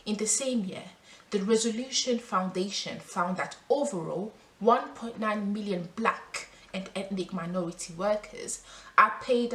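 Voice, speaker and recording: A woman from France talking earnestly to camera as a vlogger, reading statistics and then speaking freely. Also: fairly low pitch. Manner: earnest and emphatic, with restarts when speaking freely. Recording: roomy sound with faint background noise.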